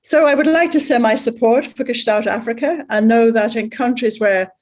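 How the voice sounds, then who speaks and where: A woman from Ireland, a facilitator speaking in a steady, deliberate way. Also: a little high. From Northern Ireland. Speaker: Gestalt practitioner and facilitator. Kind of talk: prepared video message.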